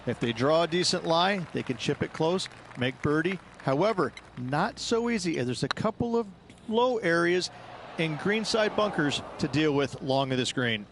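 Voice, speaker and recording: A man's voice: fairly high pitch, lively intonation, normal speed, noisy background. A man playing a golf commentator in a video game, adding knowing analysis as the colour man. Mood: knowing, measured.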